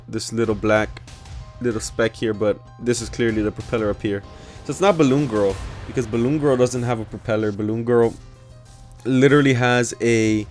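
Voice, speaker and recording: Male gaming creator, medium-pitched, informal think-aloud commentary with music underneath. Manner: rambling, informal, thinking out loud. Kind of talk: casual screen-recorded commentary. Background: background music.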